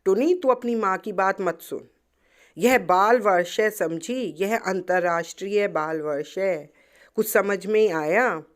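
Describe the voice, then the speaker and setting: A woman teacher voicing an indignant young schoolgirl who loudly lectures the grown-ups. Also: medium pitch, big pitch swings, measured pace. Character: bossy schoolgirl scolding her elders.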